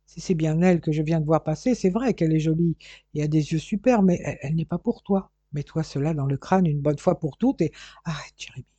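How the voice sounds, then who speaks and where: A man's voice: a little high, fast talker, dark tone, no echo, highs cut off, close to an everyday voice. A man voicing a blunt, practical young brother who scolds and worries. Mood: scolding.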